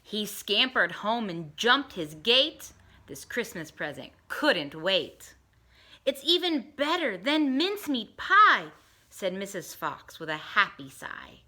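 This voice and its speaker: A teacher in middle age reads a rhyming children's book aloud unhurriedly. Her bright, slightly high voice rises and falls in a sing-song way while she takes on voices for the different characters.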